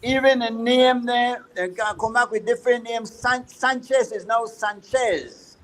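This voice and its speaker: A man's voice: very high voice, unhurried, a bit bright. A man with a Belizean Creole accent, hosting a casual conversation in an informal way. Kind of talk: casual chat.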